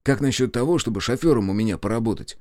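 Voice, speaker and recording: A man's voice: mid-range voice, animated, fast talker, darkish tone, dry recording, studio quality, pitched above the performer's own voice, natural voice. A man voicing a touchy, newly rich friend who speaks curtly and takes offence easily in an audiobook. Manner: curt, hissing, easily offended.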